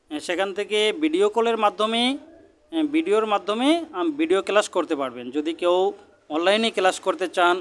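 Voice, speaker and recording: A high-pitched man leads a slow lesson, spelling out letters one at a time and repeating each syllable pair. He is patient and methodical, like a teacher drilling beginners. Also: a bit bright. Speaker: Quran reading teacher.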